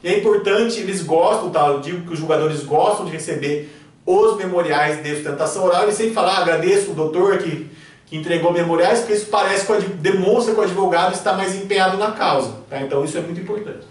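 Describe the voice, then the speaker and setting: A man's voice: sits high, fast, far from the mic. A man, a criminal defense lawyer with a Brazilian Portuguese accent, giving a spoken tutorial in a didactic way and checking in with short tags. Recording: very echoey room, off-mic.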